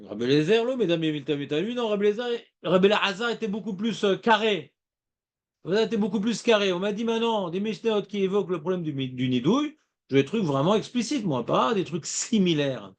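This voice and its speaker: Guy with a pretty high voice teaching talmud, lively, keeps asking the class if they follow. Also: quick pace. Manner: lively, asks students questions, playful rhymes.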